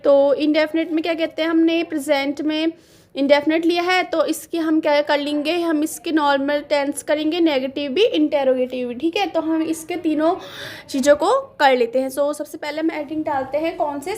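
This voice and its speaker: High-pitched female teacher, patient and repetitive, drawing words out slowly for a classroom grammar lesson. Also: a little mellow. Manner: patient, repeats words slowly while writing.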